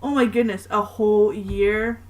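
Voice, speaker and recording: A woman's voice: fairly high pitch, lively intonation, moderate pace, natural voice, rough recording. A woman voicing a playful, sarcastic young woman in a read-aloud fanfiction, with a teasing delivery.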